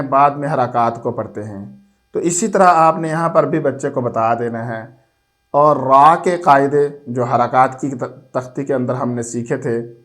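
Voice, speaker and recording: A man teaching a recorded lesson on reading letters, spelling out each syllable slowly and drawing it out. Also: medium pitch.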